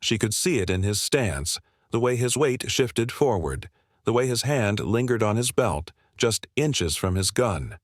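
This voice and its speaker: A man reading a scripted dramatic story as narrator, in a steady, even delivery. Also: mid-range voice, a little slow, dry recording, studio quality.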